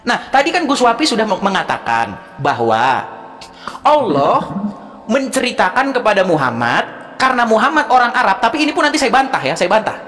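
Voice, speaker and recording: Woman debater, mocking and insistent, slightly high voice, long reverb on the recording. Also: big pitch swings, brisk, a bit bright, soft background music. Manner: mocking, insistent, repeats points. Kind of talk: heated online religious debate.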